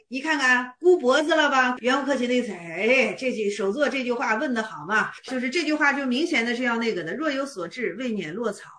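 A woman teaching a Zen text in a lively storytelling way, acting out the dialogue and asking rhetorical questions. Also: high voice. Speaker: Buddhist teacher. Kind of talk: spoken commentary on a Zen text.

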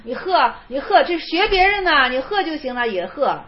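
Woman teacher, high voice, casual lecture with repeated phrases, dull lo-fi sound. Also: very animated, moderate pace. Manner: repeats phrases for emphasis, conversational. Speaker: teacher explaining Zen koans. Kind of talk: informal spoken lecture.

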